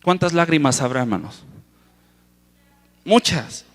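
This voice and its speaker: A man's voice: fairly high pitch, expressive. A man preaching a sermon to a congregation, impassioned, repeatedly calling them "brother" and drawing out key words for emphasis. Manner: impassioned, keeps addressing the congregation as "hermano"; stretches key words slowly for emphasis, with sudden loud rises. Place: large auditorium with long reverb. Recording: reverberant hall sound.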